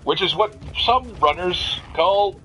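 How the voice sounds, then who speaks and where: A man putting on a pompous male newscaster voice, speaking in a mock-serious, drawn-out announcer delivery. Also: high-pitched, expressive, bright, forceful tone, soft background music, pitched above the performer's own voice, full character voice, low-quality recording. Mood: mock solemn.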